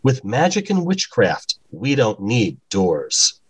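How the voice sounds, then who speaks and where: A man's voice: lowish voice, huge pitch swings, takes it slowly, husky, full character voice, low-quality recording. A man voicing a stage magician who announces tricks theatrically to a crowd.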